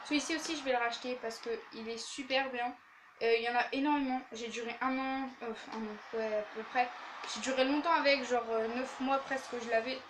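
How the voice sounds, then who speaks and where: A woman's voice: on the high side, steady tone, brisk, noisy background. A young woman reviewing her used-up beauty products in casual chat, tired after a day of classes and stumbling over her words, filmed in her bedroom by an open window. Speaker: beauty vlogger. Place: bedroom facing an open window, street traffic outside. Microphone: handheld camera without tripod.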